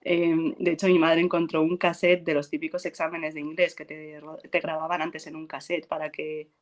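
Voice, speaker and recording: A woman's voice: low voice, moderate pace. A woman, an actress from Spain, chats easily in an interview. She tells her stories with lots of life, acting out quoted lines and often breaking into laughter. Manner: animated storyteller, acts out quotes and laughs a lot. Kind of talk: casual interview chat.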